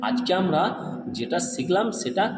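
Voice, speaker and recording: A man's voice: sits high, expressive, normal speed, heavy background noise. A man teaching Quran letter reading, asking questions and answering them himself, drawing out the syllables in a sung way. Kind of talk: step-by-step recitation lesson. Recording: echoey room with long reverb.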